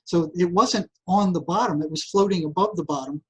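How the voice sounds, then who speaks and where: A man's voice: high-pitched, a little fast, slightly rough, low-quality recording. An older man, a guest psychotherapist, telling a long story in a casual interview with frequent restarts. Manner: animated, repetitive restarts, acts out voices.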